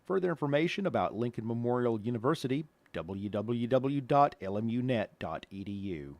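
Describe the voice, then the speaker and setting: A man's voice: medium pitch, lively intonation, normal speed, darkish tone, dry recording. Man, radio station announcer, formal scripted read, dry studio sound. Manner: smooth, formal reading.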